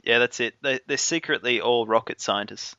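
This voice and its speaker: A man in relaxed film chat, asking questions with many fillers. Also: medium pitch, normal speed, clear, resonant tone, no echo, muffled recording. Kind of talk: casual film discussion.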